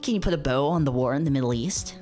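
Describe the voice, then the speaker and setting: Reading visual novels on stream, this man blends dramatic narration with loose, joking commentary that wanders and repeats points for emphasis. He talks quickly in a medium pitch with a slightly mellow tone, and faint music plays behind him.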